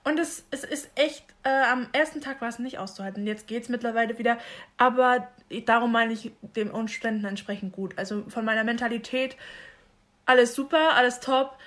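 A young woman co-hosting a casual podcast chat, playful and teasing, with loud exclamations. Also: on the high side, a little fast. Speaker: podcast co-host.

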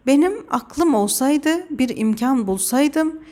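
A woman voicing a carefree, quick-witted drunk man in a storybook reading, with cheeky, evasive replies. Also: high-pitched, mellow, voice pushed up. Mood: pleading.

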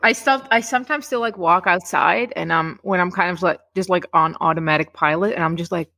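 A woman's voice: fairly low pitch, a little fast, creaky, sharp tone. Woman hosting a podcast. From Czech Republic. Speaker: podcast host. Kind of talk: casual podcast talk.

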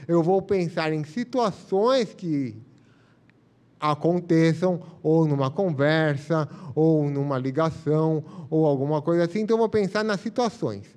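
High-voiced man giving a spiritist talk. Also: darkish tone. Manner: reflective, explains with first-person examples. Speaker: spiritist lecturer. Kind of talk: live religious talk.

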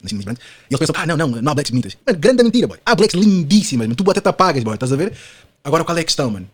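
A man's voice: on the high side, big pitch swings, racing, husky. A man in his twenties with a European Portuguese accent, a podcast guest chatting casually in slangy, rambling talk full of fillers and tag questions. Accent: European Portuguese, Lisbon slang. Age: 20s.

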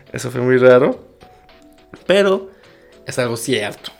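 Man, Mexican accent, mid-pitched, crude slang, rambling comic monologue, faint music behind. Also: expressive, measured pace, gravelly. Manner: jumps between topics and laughs at his own jokes. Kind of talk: casual comedic monologue.

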